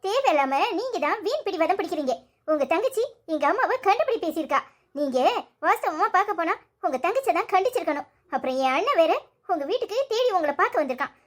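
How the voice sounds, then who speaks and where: A woman doing a shrill pleading young wife. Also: fairly bright tone, full character voice. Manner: pleading, reproachful. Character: pleading pregnant young wife, hurt and insistent. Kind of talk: cartoon story voice acting.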